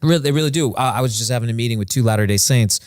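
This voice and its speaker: A man's voice: medium pitch, racing, dry recording, studio quality. A man hosting a podcast as a preacher, chatting and interviewing in an informal, encouraging, slangy way. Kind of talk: casual chat and interviewing.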